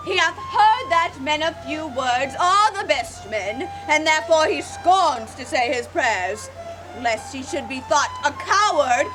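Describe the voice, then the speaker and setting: A woman playing a cheeky, scornful young serving boy in a deliberate, mocking Shakespearean stage monologue in olde speech. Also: high-pitched, low-quality recording.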